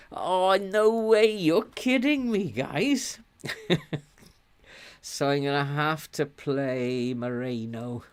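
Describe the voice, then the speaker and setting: A man in his sixties, chatting and chuckling at himself while commenting on a game he plays. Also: mid-range voice. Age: 60s. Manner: chuckling, self-mocking, slow and chatty. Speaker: let's play host.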